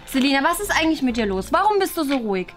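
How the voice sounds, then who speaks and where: A woman's voice: high voice, big pitch swings, racing, faint music behind. A woman playing a strict, impatient mother who scolds her daughter in a family role-play drama. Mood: stern.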